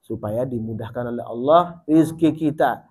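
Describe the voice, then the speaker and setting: A man preaching a sermon, rising high and loud to urge and dropping low and soft to warn. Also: normal speed, husky. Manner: rises in pitch and volume when urging, drops low and soft when warning.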